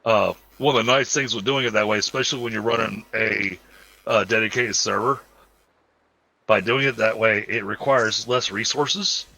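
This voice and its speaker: A lowish, creaky male voice, pushed and bright at a moderate pace, belongs to a streamer from the Southern United States with a Southern American accent. While hosting a multiplayer game he chats casually, rambling easygoingly through long explanations with plenty of fillers. The recording is rough, with no echo.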